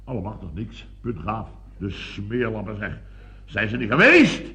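A man's voice: fairly low pitch, very animated, unhurried, sharp tone, exaggerated voice. An actor playing a pompous, fussy rich businessman in a radio comedy sketch, blustering and theatrical. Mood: indignant. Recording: dull lo-fi old radio recording.

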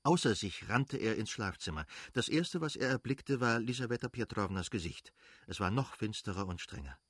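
Low-voiced male audiobook narrator. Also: expressive, moderate pace, a bit bright, husky, dry recording, clean studio sound. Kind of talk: scripted literary narration.

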